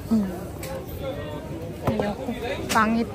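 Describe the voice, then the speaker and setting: Filipina vlogger, higher voice, easy chatty commentary while shopping, busy crowd all around. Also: female voice, little pitch movement, very slow, low-quality recording. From Philippines. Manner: chatty running commentary, calls companion "Day". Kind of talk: casual shopping vlog. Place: busy shops and street market.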